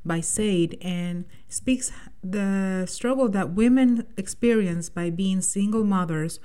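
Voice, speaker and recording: Speaking slowly in a smooth, dark, medium-pitched voice, a radio host from El Salvador, middle-aged, tells a personal story on her community show. She's earnest and reflective, with frequent restarts and "right?" tags.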